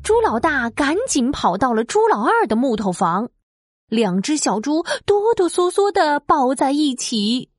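Animated high-voiced woman narrating children's story. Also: unhurried, no room sound, faint music behind.

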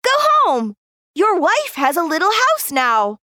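Storybook magic fish, very high and lilting, curt and aloof, woman acting it. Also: huge pitch swings, a little slow, bright, forceful tone, no echo, clean studio sound, exaggerated voice. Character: magical talking flounder prince, small and aloof.

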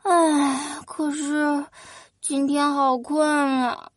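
Lazy whiny young prince for a kids audiobook, really high voice, excitable. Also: male voice, a little slow, no room sound, studio quality. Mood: whiny, sleepy. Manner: whiny, exclamatory, dithering. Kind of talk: children's audio storybook character.

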